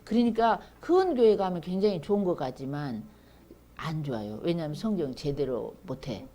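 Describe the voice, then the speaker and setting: A middle-aged woman lecturing on scripture in a relaxed, conversational way. Her low voice rises and falls a great deal as she reads passages aloud with strong emphasis. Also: moderate pace, slight background noise. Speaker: seminary lecturer. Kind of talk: bible lecture.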